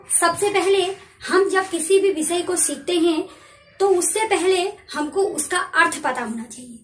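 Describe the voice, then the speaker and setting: High-voiced woman teacher in an echoey room. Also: a bit bright. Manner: patient explaining, repeats points, asks and answers her own questions. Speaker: school teacher. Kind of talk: recorded grammar lesson for students.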